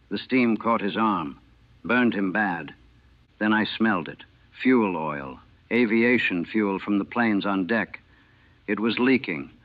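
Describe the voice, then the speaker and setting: On a tinny, narrow-band, dry 1940s recording with no room sound, a former navy cook recounts his war memories in the first person. He speaks in terse, clipped fragments, measured and grave. His voice is on the low side.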